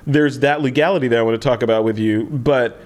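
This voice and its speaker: A man's voice: medium pitch, fast talker, a little mellow. A man hosting a podcast interview, chatty and rambling, often laughing at himself. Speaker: podcast host. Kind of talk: casual interview chat.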